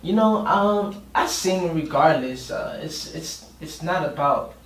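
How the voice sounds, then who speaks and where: Slow but with lively intonation, a man with a slightly high voice gives a laid-back podcast interview full of slang. He's a guest singer and producer from Miami, Florida, USA, heard through a distant mic in a roomy space with faint noise.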